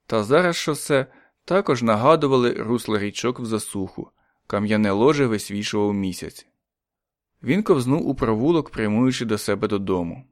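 A man narrating a story in a calm, measured audiobook reading. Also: lowish voice, dry recording, clean studio sound.

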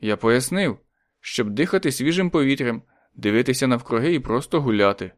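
A man's voice: medium pitch, lively intonation, brisk, natural voice. Man reading a polite, lonely writer. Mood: mild polite. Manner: polite, mild, softly protesting. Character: quiet lonely middle-aged male writer, polite. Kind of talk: audiobook reading.

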